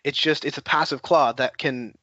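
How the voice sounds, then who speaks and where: A man's voice: mid-range voice, steady tone, moderate pace, bright, forceful tone, no echo. A young man from Oregon chatting casually on a robotics panel, eager and rambling with restarts. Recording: dull dry lo-fi sound.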